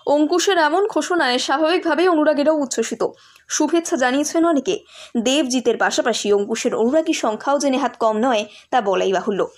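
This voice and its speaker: A woman narrates entertainment news in a high-pitched voice. She reads from a script, as a reporter presenting a showbiz story. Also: brisk.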